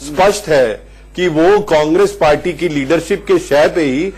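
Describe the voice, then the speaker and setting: A man's voice: fairly high pitch, moderate pace, a little mellow, slightly rough. A man arguing as a party spokesperson in a heated television debate, speaking over his opponents.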